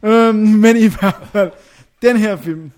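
A man's voice: high-pitched, darkish tone. A young man chatting casually about a film, rambling, searching for names and filling gaps with hesitations. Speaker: film reviewer.

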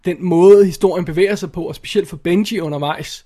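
A man with a high, light voice talks in a loose, opinionated way, cutting himself off and starting again. He swears casually and keeps the tone conversational and blunt, like a podcast co-host tearing into a film. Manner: animated, opinionated, swears and laughs often, many restarts. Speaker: podcast co-host reviewing films. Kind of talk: casual chat.

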